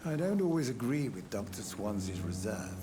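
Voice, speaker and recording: A man's voice: fairly low pitch, sing-song, normal speed. An actor voicing an older, proud and dutiful male doctor in a video game, formal and earnest. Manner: earnest, formal and stiff-upper-lip. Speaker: game character. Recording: game audio under music.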